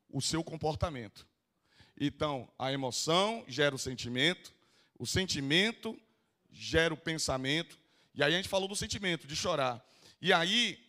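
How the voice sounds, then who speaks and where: A Brazilian psychoanalyst with a Bahian accent lectures a live audience in a council chamber. His voice sits high and rings bright. He keeps it playful, teasing the people in the room and calling up volunteers. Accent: Bahian Brazilian Portuguese.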